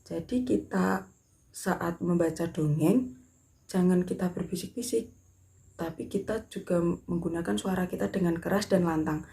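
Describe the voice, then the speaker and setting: Brief: young female student teacher, mellow low voice, patient step-by-step lesson delivery. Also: gravelly. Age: young adult. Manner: patient, explains step by step with pauses. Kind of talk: classroom lesson on storytelling.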